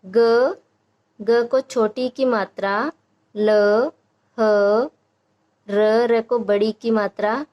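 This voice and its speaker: Woman sounding out syllables slowly. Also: a little high, darkish tone. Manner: slow, drawn-out syllable-by-syllable sounding out. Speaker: teacher. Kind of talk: Hindi phonics lesson for parents.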